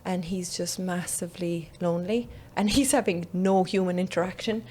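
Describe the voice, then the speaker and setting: A woman's voice: lowish voice, steady tone, normal speed, darkish tone. A woman with a sing-song west of Ireland accent and a Cork lilt, chatting casually and bluntly on a podcast. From west Munster, Ireland. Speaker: podcast guest, gym trainer.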